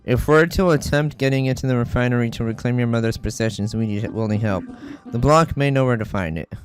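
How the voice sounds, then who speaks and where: A prim, proper robot companion, read out by a man in a stiff, formal way over faint game music. The voice sits at a middle pitch. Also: fairly quick, natural voice.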